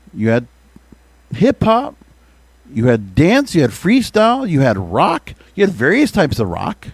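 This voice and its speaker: An American man with a fairly high voice hosts a podcast in a dry, close sound. His pitch moves widely as he delivers opinionated commentary. He is emphatic and leans on rhetorical questions to make his points. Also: darkish tone, no room sound. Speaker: podcast host. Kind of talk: opinionated music radio commentary.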